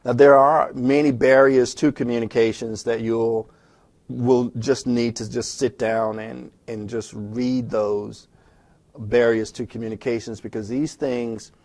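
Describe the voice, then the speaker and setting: A man talking fast and conversationally as he records a lecture walking through a textbook chapter, with frequent restarts. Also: medium pitch, a little mellow. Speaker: instructor. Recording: self-recorded lecture audio.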